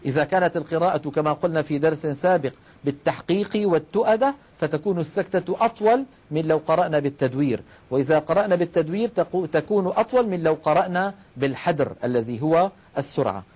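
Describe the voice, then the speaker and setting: A man's voice: a little high, fast, a little mellow. Man teaching Quranic recitation rules. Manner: explains step by step with rhetorical questions; addresses listeners as brothers. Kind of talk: religious lesson on Quranic recitation.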